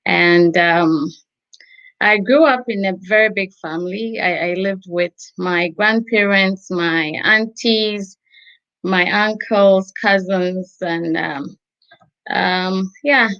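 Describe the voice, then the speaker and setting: A woman from Ghana introducing herself as a guest, soft-spoken and hesitant with many pauses. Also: mid-range voice, dull audio. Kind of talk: conversational self-introduction.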